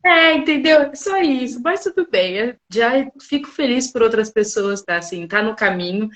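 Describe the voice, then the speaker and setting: A woman with a Brazilian accent hosting a podcast and talking in an expressive, chatty way. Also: on the high side, moderate pace. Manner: expressive and chatty, laughing often. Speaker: podcast host. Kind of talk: casual podcast interview.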